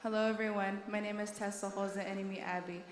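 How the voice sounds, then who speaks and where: A woman's voice: medium pitch, flat delivery, fast talker. A woman from North Dakota giving a formal self-introduction as visiting powwow royalty. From North Dakota, United States. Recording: echoey sound system, faint background noise.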